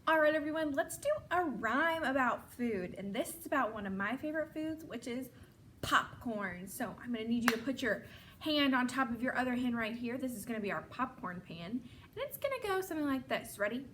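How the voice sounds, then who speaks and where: A woman's voice: on the high side, animated, fairly quick, noisy background. A woman in her twenties hosting for children, leading rhymes in an encouraging, singsong way. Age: 20s. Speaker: children's program host. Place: indoor set with wooden frame.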